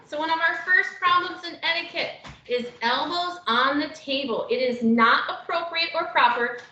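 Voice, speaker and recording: A high, bright female voice runs an online etiquette lesson in a chatty, upbeat way, trailing off into fillers now and then. She sits back from the mic in a roomy space, and the video call audio sounds dull and muffled. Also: moderate pace, far from the mic, slight background noise. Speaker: etiquette workshop host. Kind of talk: live online class for students.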